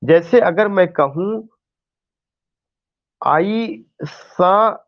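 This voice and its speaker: A man's voice: on the high side, lively intonation, unhurried, highs cut off. A male teacher giving an online class lecture, explaining step by step with rhetorical questions and mixing in English terms.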